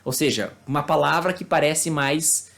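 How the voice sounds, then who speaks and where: A Brazilian man, a native Portuguese speaker, giving a casual online English lesson, explaining slowly and checking in with tag questions and fillers. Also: fairly high pitch, creaky, fairly bright tone. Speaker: English teacher.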